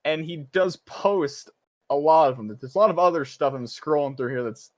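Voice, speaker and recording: A man co-hosting a casual voice-call podcast, excitable and swearing freely as he reads out headlines. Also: a little high, normal speed. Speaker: podcast co-host. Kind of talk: casual chat.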